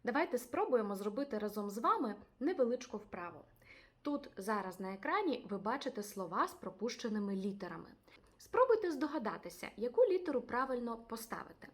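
A woman teaching a language lesson, addressing viewers directly and repeating each word twice, slowly. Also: medium pitch. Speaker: Spanish teacher.

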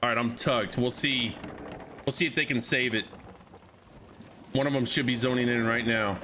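A man in his thirties streams a game live through a headset microphone, speaking at medium pitch in a steady, sharp tone and at a moderate pace against slight background noise. He chats loosely, repeats himself and swears, coughing repeatedly as he mentions his voice is going.

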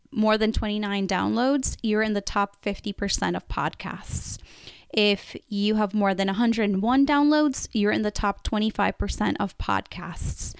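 A woman's voice: mid-range voice, smooth, no room sound, studio quality. A woman hosting her own podcast, talking the listener through advice in a chatty, conversational way with frequent fillers. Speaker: podcast host. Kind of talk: solo podcast monologue.

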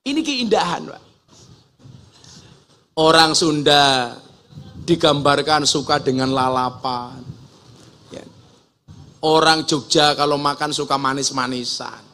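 A man's voice: a little high, takes it slowly, pauses often, sharp tone. A man from Java giving a humorous religious sermon to a live audience, joking and acting out regional dialect voices. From Java, Indonesia. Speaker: preacher.

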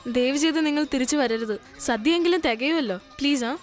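A woman dubbing a sharp-tongued young bride who scolds her friend. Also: high-pitched, fairly quick, faint music behind, lightly acted. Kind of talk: dubbed film dialogue. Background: film score.

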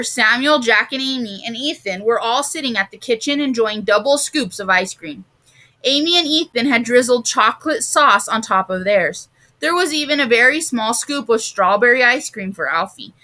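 Bright-voiced woman teacher reading aloud. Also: on the high side. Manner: clear, expressive reading. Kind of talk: storybook read-aloud for a class.

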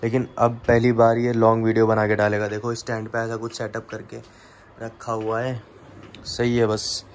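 A man's voice: fairly low pitch, monotone, normal speed. A young man filming a casual home vlog, chatting to the camera and cooing baby talk to his pet parrots. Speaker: vlogger.

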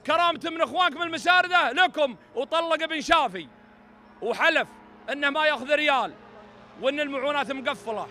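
Man, Saudi Bedouin Arabic oratory, very high and piercing, declamatory, projected over open air. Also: pushed and bright. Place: open desert ground, outdoor mass gathering. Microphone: stand microphones.

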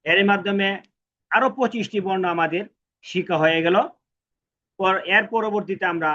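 A man teaching a language lesson, chanting syllables in slow repetition and asking and answering his own questions. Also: high-pitched, bright, forceful tone, highs cut off. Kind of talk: recorded alphabet lesson.

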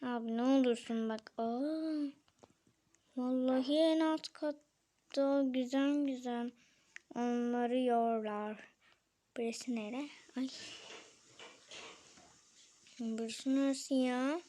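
Young female gaming vlogger, high-pitched, chatty and excitable. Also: slow pace. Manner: chatty, addresses viewers, exclaims and frets aloud. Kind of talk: casual game commentary.

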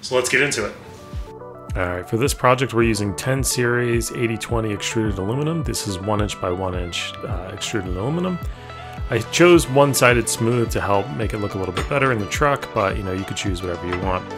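A man's voice: on the low side, animated, fairly quick. A man in his thirties giving casual how-to narration of a workshop build, practical, with filler words and self-corrections. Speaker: DIY builder. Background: background music.

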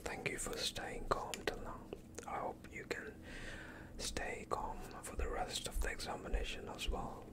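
A young adult man, performing ASMR as a doctor, asks calm, unhurried questions. He uses a breathy, unvoiced whisper held near the microphone, and his tone stays soothing throughout.

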